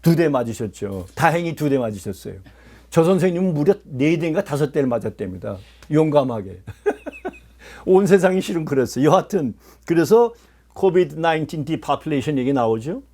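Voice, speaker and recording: A man's voice: a little high, sing-song, moderate pace, a little mellow. A man giving a political lecture, speaking emphatically, putting questions to his listeners and mixing in English phrases. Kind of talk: political lecture to a small audience.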